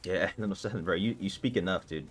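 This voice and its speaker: A low-pitched man speaks at a quick pace during a live gaming stream. He chats casually with viewers and answers them, talkative and loose with many filler words, as faint music plays in the background.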